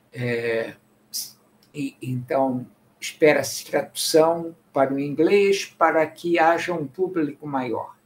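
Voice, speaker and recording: A man giving an academic presentation at a conference, speaking deliberately and often correcting himself mid-phrase. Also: a little high. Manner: deliberate, halting, with frequent self-corrections.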